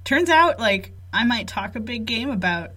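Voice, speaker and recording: A woman's voice: a little high, expressive, moderate pace, sharp tone. Playful woman podcasting from under blankets. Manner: playful, self-deprecating banter. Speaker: podcast co-host. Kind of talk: casual joking podcast chat. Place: small blanket fort indoors, recorded under blankets.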